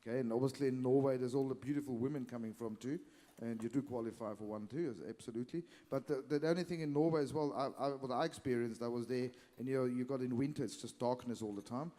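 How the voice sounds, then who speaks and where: A man's voice: mid-range voice, fairly even intonation, fast, hardly any pauses, warm tone. A middle-aged man hosting a live cooking session in a convention hall, chatty and teasing. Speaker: host of cooking demo sessions. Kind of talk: casual live event hosting. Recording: hall reverb.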